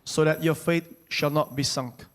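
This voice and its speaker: Male church interpreter, slightly high voice. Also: steady tone. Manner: quick literal renderings, loose grammar. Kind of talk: line-by-line sermon interpreting.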